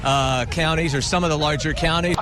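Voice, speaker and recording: A man delivering live news as an anchor in a halting way. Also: a little high, fairly even intonation. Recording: noisy broadcast clip.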